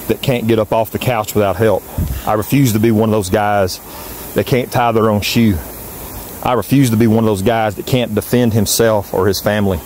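A man's voice: on the low side, a little mellow, a little hiss or hum. A man, a fitness vlogger giving a blunt, preachy, repetitive motivational talk to the camera outdoors on a driveway. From Southern United States. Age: 40s.

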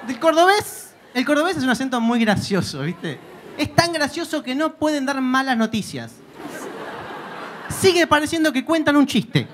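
A stand-up comedian with a Buenos Aires accent performs on a club stage into a handheld mic. His delivery is punchy and full of slang, with a lively, swinging intonation. Faint audience laughter and a low hum sit behind him. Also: moderate pace, some chatter behind. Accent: Argentine, Buenos Aires.

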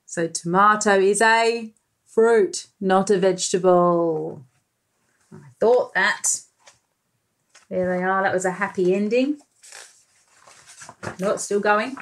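This Australian-accented woman in her thirties is a preschool teacher, expressively reading a storybook to young children and chatting to them between lines. Her pitch sits at a medium level with a slightly bright tone. She's indoors in a small, bright room.

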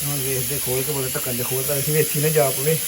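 A man's voice: mid-range voice, little pitch movement, fast, heavy background noise. A man vlogging with his family from a car, teasing his small child in casual chat. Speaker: vlogger, father.

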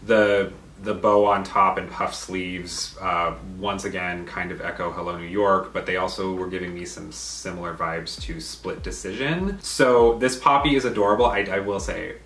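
A man's voice: sits low, fairly even intonation, normal speed, few pauses, fairly bright tone, slight background noise. A young man co-hosting a casual doll review chat, chatty and enthusiastic. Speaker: co-host of a doll collecting channel. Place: living room. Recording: roomy sound from a distance with faint music.

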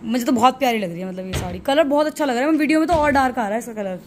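A woman's voice: a little high, expressive, very fast, faint music behind. A young woman chatting straight to camera in a casual family vlog, recorded on a phone at home. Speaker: vlogger.

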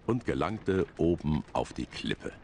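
Ein Sprecher, der im Videospiel einen wortkargen Märchenerzähler mit rauer, kratziger Stimme spricht. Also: male voice, very deep voice, very animated, a little slow, background noise, exaggerated voice. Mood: wry. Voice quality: gravelly. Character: deep-voiced, gravelly, wry male storybook narrator. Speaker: game narrator. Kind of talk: scripted fairy-tale narration.

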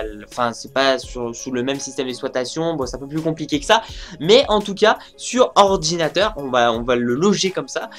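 A man's voice: fairly high pitch, fairly bright tone. A young man talking casually about game sales figures for his video channel, rambling with lots of fillers and restarts. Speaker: gaming news YouTuber.

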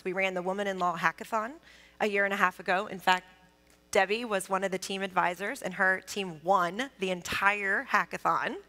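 Wry woman telling stories on a panel. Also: medium pitch. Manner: animated storyteller, wry. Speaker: panelist, nonprofit chief executive. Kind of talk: conference panel discussion. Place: conference stage. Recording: reverberant conference hall.

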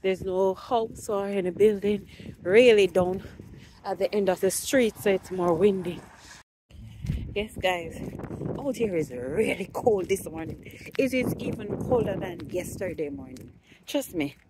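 A woman vlogger walking fast outdoors on a windy street, talking breathlessly into her phone about the cold. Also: mid-range voice, mellow. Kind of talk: casual chat to camera.

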